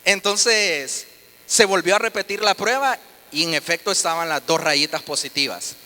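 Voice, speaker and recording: Bright high-voiced man giving testimony. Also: moderate pace, a little hiss or hum. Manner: earnest storytelling with frequent restarts. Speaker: testimony speaker. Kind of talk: personal faith testimony. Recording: reverberant hall.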